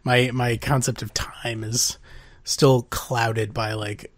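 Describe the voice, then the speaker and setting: A man's voice: medium pitch, level tone, slow pace. A man hosting a casual podcast while sick with a cold, his voice nasal and congested, rambling with plenty of fillers and restarts. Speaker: podcast host.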